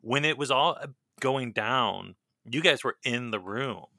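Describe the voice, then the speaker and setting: Bright-voiced man in casual podcast chat. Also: mid-range voice, a little slow, dry recording, studio quality. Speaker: podcast co-host.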